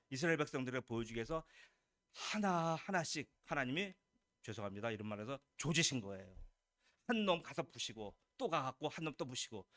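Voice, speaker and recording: A man's voice: fairly high pitch, a bit bright. A male pastor preaching in church in a slightly raised voice. He keeps putting questions to his listeners and acts out God's words with force. The sound is dry, with little room echo. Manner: emphatic preaching, asks the congregation questions, acts out God's lines. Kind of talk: sermon. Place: church sanctuary.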